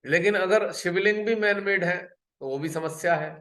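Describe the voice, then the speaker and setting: A man giving a spiritual talk on a video call, earnest and pausing, often repeating a phrase before going on. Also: high voice, a bit bright, reverberant. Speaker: spiritual workshop speaker.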